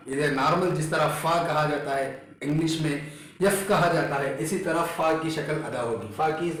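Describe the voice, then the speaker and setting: A man teaching Quranic letter pronunciation, patiently explaining each sound and repeating it slowly for his students. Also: on the high side. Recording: very echoey room.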